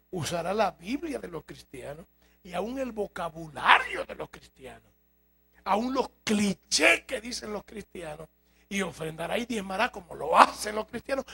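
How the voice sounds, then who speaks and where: Raspy, high-pitched preaching man. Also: sharp tone. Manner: emphatic, rhetorical questions to congregation. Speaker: pastor. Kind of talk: sermon. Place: church.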